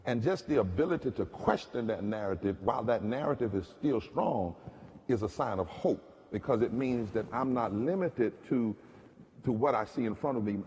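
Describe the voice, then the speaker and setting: A man's voice: fairly low pitch, darkish tone, slight background noise. A man, an activist preacher, telling stories with a preacherly cadence in a public conversation. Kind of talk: impassioned storytelling in a public conversation. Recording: long reverb of a large hall.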